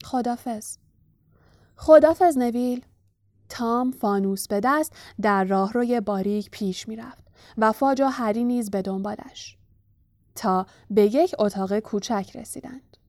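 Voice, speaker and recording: A woman narrating a storybook in a calm, even reading voice. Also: mid-range voice, no echo, clean studio sound. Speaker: audiobook narrator.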